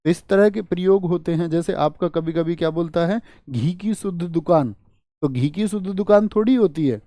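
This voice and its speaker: A man's voice: sits high, moderate pace, dark tone, no room sound, studio quality. A male teacher running an exam-prep lesson, drilling students with repeated rhetorical questions. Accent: Hindi.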